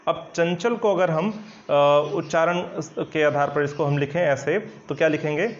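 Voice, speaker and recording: A man with a somewhat high voice teaches Hindi grammar in an online coaching lesson at a whiteboard, explaining each point patiently, step by step. He often checks that students are following, frequently saying "ठीक है ना," and fills pauses with hesitant fillers. The recording sounds dull and lo-fi.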